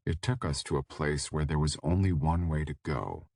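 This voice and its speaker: Man doing a worn-out young man, hesitant, low voice, dry, audiobook. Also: normal speed, vocal fry, darkish tone, no echo, full character voice. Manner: hesitant, tired. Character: exhausted, wary young male shapeshifter.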